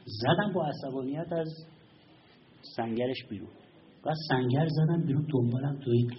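A male preacher telling a story in a sermon, building to loud emphatic appeals and quizzing the audience, recorded from far off in an echoey room. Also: mid-range voice, dull audio, a little hiss or hum.

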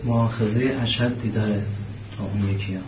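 A man answering the teacher's question in class, speaking quietly and hesitantly. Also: on the low side, fairly even intonation. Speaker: student. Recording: distant, roomy, dull lo-fi classroom recording with background noise.

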